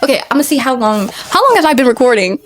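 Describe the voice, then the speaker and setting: A woman vlogger reads a book aloud in a relaxed, homemade way. Her voice sits slightly high, and she often stumbles and restarts words mid-sentence. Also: quick pace, a little hiss or hum. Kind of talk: casual read-aloud of a book.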